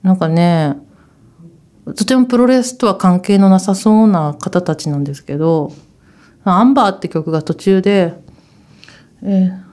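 A woman's voice: lowish voice, normal speed, long pauses, mellow. Chatty rambling woman hosting a radio corner. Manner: chatty, rambling, calls herself by her own nickname; asks the co-host for confirmation. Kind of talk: casual radio chat.

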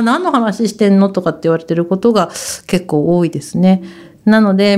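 A woman's voice: mid-range voice, darkish tone. A woman hosting a casual radio talk corner, rambling along chattily, calling herself by her nickname and turning to her co-host to check details. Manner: asks the co-host for confirmation.

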